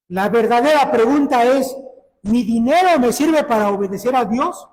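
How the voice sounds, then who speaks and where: A man's voice: extremely high pitch, big-room sound, low-quality recording. A man preaching a sermon in an earnest manner, asking his listeners direct questions.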